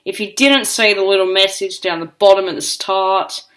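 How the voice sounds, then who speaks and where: A man's voice: high-pitched, steady tone, normal speed, a bit bright. A young-sounding male hosting a video channel, talking casually to viewers.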